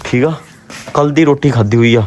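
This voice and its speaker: A man with a Pakistani Punjabi accent chatting casually to his vlog viewers, expressive and often repeating himself. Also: mid-range voice, a little fast. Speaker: vlogger.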